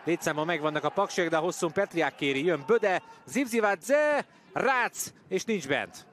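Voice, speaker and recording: A man's voice: high voice, lively intonation, a bit bright. A man calling a football match live as a broadcast commentator. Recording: noisy stadium broadcast. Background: stadium noise.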